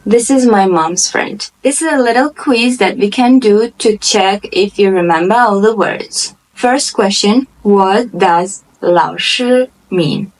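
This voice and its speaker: Woman teacher, goes slow, repeats words and tones over and over. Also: medium pitch, low-quality recording. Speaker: Chinese teacher. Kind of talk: slow instructional explanation.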